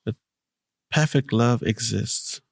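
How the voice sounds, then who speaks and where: Gravelly-voiced man, slow earnest musing. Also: medium pitch. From Zimbabwe. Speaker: podcast host. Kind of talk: reflective podcast talk.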